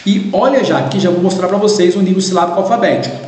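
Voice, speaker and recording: A man's voice: high voice, fast, a little mellow. A man with a Brazilian Portuguese accent, a teacher walking through a grading guide in an explanatory way, often checking in with his listeners. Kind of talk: recorded lesson walkthrough. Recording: echoey room with long reverb.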